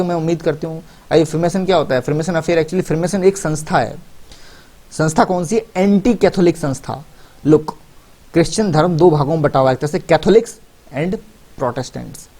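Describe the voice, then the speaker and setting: A man teaching a story, reading English lines slowly and then explaining them in Hindi with many fillers. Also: fairly high pitch, a little mellow. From India. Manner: repeats and rephrases with many fillers.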